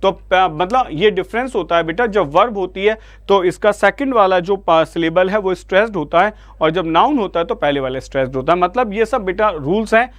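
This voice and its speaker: Speaking a little fast with hardly any pauses, this Indian-accented man has a high, slightly bright voice and no echo. In his online vocabulary lesson he keeps coaxing students, asking for answers repeatedly and calling them "beta."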